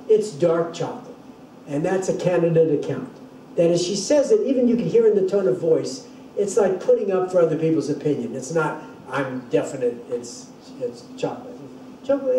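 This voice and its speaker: Captured by a distant mic in an echoey room, this older male lecturer has a mellow, fairly high-pitched voice. He explains things carefully in class and frequently starts sentences over, with a little hiss or hum in the background.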